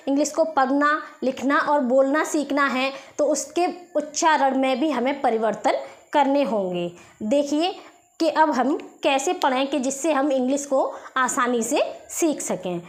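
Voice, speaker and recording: A woman with an Indian accent teaching a spoken English lesson, explaining step by step and checking in often. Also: sits high.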